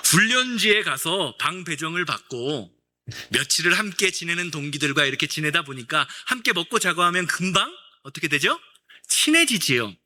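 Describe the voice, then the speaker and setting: A man's voice: fairly high pitch, lively intonation, normal speed, sharp tone. A male pastor preaching a Sunday sermon, telling a story with acted-out dialogue and questions to the congregation.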